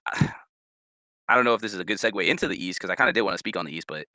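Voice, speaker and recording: A young man co-hosting a casual sports podcast, rambling and repeating words, his pitch jumping up when he gets emphatic. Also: fast talker, pushed and bright, no echo. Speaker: podcast co-host.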